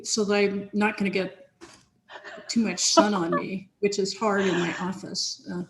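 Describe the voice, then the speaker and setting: A software team researcher taking part in a chain conversation chats casually over a video call from her home office with big sunny windows, rambling with lots of fillers and restarts. Her medium-pitched voice is steady and unhurried, picked up by her computer against a noisy background.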